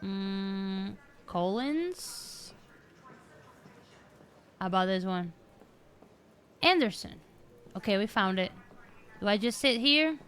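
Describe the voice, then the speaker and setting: A woman's voice: mid-range voice, animated, takes it slowly, pauses often, a bit bright. A woman streamer giving casual gameplay commentary, chatty and thinking aloud as she plays.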